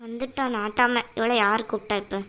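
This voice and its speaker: Cartoon part: gossipy sister-in-law, snide asides, high and bright, a woman voices her. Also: fairly even intonation, brisk. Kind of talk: cartoon voice acting.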